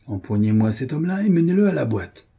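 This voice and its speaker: A man's voice: medium pitch, big pitch swings, quick pace, vocal fry, dark tone, slightly rough, pitched above the performer's own voice, exaggerated voice. A man voicing an indignant army lieutenant who barks orders in a raised voice. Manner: barking orders. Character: angry, blustering male army lieutenant.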